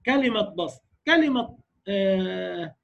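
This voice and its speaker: High-voiced Egyptian man teaching recitation. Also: lively intonation, slow, gravelly, lo-fi sound. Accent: Egyptian Arabic. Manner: explanatory, checks in with students. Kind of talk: lecture on recitation variants.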